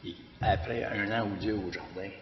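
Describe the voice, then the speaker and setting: A man with a deep Québécois voice tells an audience about his community garden. His talk is halting, full of "euh" and restarts. The sound is a dull lo-fi recording with a long echo from the hall. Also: soft background music. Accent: Québécois French. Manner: hesitant, many fillers and restarts. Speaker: director of a community garden organization. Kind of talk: public testimony talk.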